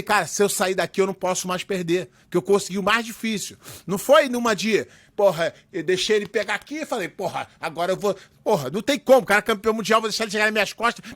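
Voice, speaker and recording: Man, high voice, dry mic, halting and profane talker. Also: bright, forceful tone, no room sound. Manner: halting, restarting, blunt and profane. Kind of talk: casual chat.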